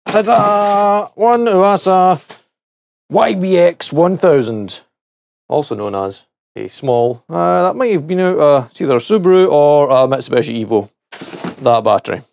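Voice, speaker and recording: A man's voice: fairly high pitch, expressive, normal speed, vocal fry, a little mellow, no echo. A middle-aged man chatting casually and jokily while testing and taking apart a gadget, talking to himself as he works. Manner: chatty and jokey, talks to himself while working. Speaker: gadget reviewer. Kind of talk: casual hands-on product teardown.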